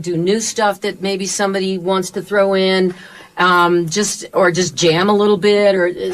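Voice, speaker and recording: A woman's voice: medium pitch, low-quality recording. A woman giving casual, enthusiastic interview answers as a member of a band.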